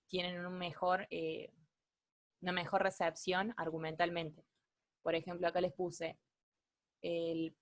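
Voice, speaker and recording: A young woman with an Argentine Spanish accent walks students through academic writing, pausing and restarting her sentences. Her voice sits low, and the recording is dry and close. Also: dry recording. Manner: hesitant, self-correcting, explanatory. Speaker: student tutor leading a writing workshop. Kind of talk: online workshop explanation.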